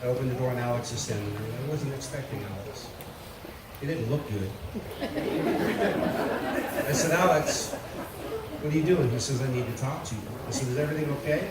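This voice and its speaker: A man's voice: mid-range voice, a little fast, long pauses, over a noisy crowd. A middle-aged man, the father of the bride, giving a wedding speech as a folksy, joking storyteller. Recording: echoey hall, distant mic, loud noise.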